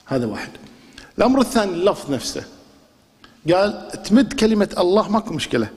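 A man's voice: sits high, very animated, fast talker. A man with a Kuwaiti accent giving a religious lesson, quizzing his listeners with rhetorical questions and demonstrating pronunciations aloud. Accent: Kuwaiti Arabic. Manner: poses rhetorical questions and drills answers with the class. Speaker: religious teacher. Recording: long reverb of a large hall.

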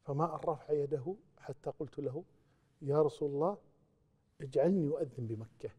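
Fast-talking male religious teacher, reverberant hall. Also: fairly high pitch, dull audio. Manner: storytelling, quoting speech with emphatic rises and soft drops. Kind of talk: religious lesson retelling a hadith.

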